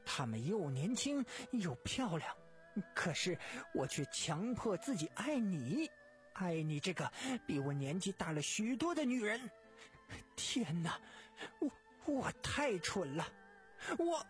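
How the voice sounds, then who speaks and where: A desperate young scholar from an old Chinese tale, his voice low and bitter. He accuses and laments with wide pitch movement, faint music behind, the narrator acting him. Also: big pitch swings, slow pace. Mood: anguished.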